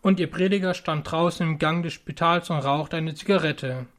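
Man, preacher, earnest warning sermon, slightly high voice. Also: moderate pace.

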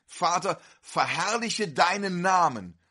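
A male preacher delivers a fervent sermon, his voice husky and pitched a little high, with a bright, forceful edge. He swings from measured reading into sudden loud exclamations. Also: lively intonation.

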